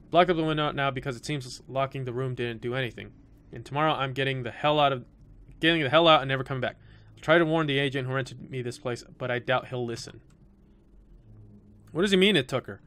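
Bright-voiced man playing a horror game. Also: mid-range voice. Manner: swears and jokes at jump scares. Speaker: let's play gamer. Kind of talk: gameplay commentary and reading game text.

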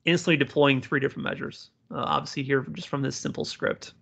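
A man giving an informal live software tutorial, speaking to learners directly and encouragingly as their instructor. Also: mid-range voice, fairly even intonation, fast talker, vocal fry, breathy edge. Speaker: software instructor, community presenter.

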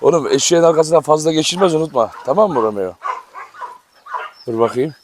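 A man's voice: fairly high pitch, animated, brisk. Man vlogging on a dog farm. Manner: affectionate, coaxing, talks fondly to the animals. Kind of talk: casual vlog talk to viewers and animals. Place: outdoor farm yard with dog cages. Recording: outdoor noise with barking dogs. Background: dogs barking.

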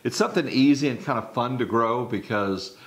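A man's voice: medium pitch, a little fast. A middle-aged man co-hosting a home cooking video, chatting in a folksy way and cracking jokes. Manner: folksy, joking. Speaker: cooking channel co-host. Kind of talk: casual chat.

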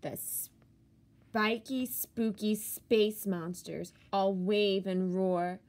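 Reading to a group of kids from a picture book, this teacher gives expressive, dramatic weight to important words. She's a woman with a medium-pitched voice who stretches her words out.

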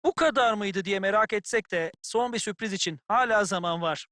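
An actor playing an opinionated football pundit in a video game, giving analytical colour commentary in full sentences. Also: male voice, high voice, a little fast, fairly bright tone, no room sound. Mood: assessing.

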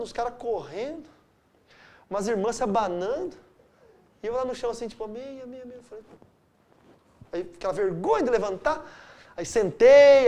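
Middle-aged male pastor from Brazil, animated Bible-study teacher, dynamic storyteller. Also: very high-pitched. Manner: animated storytelling with wide swings of loudness.

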